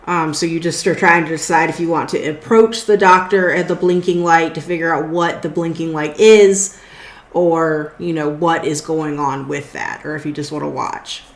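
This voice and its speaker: A woman narrating as game master in a tabletop game, talking casually with many fillers and pauses. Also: low-pitched, fairly even intonation, reverberant.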